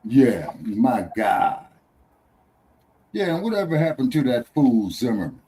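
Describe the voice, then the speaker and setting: Slow-drawling man hosting a talk show. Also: mid-range voice, big pitch swings, mellow, husky. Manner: loose, heckling, drawling asides. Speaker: podcast host. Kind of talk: casual talk show chat.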